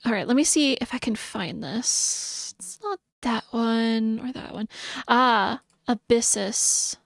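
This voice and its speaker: Woman streamer, casual and chatty, thinks aloud; bright higher voice, dead-dry close mic. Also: animated, slow, creaky, no room sound. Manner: chatty, thinks aloud, reads notes with soft mumbling. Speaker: VTuber streamer. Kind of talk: casual live-stream chat.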